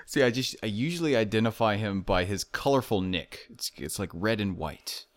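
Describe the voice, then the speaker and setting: Man conducting a laid-back interview, low-ish voice, cracks jokes. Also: moderate pace. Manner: joking, self-deprecating. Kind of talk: casual interview.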